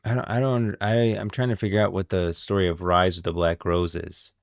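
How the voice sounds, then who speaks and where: A man with a low, level voice and some vocal fry gives casual live lore commentary while streaming a game, speaking briskly and repeating himself as he thinks out loud. There's no room echo; the sound is dry.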